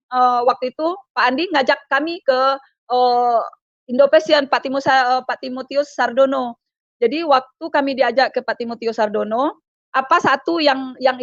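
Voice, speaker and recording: A woman with a high voice tells her own story as an emotional personal testimony. She halts and repeats herself and fills pauses with "eh". The recording is dry and a little dull, with no room sound. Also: no echo. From Palembang, Indonesia. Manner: repetitive, halting, frequent "eh" fillers. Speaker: guest giving a conversion testimony.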